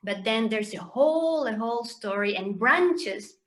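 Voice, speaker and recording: A woman's voice: fairly high pitch, lively intonation, a little slow. A woman from Chile, a journalist guesting on a podcast, talking in a hesitant way with many fillers and restarts. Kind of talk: podcast conversation.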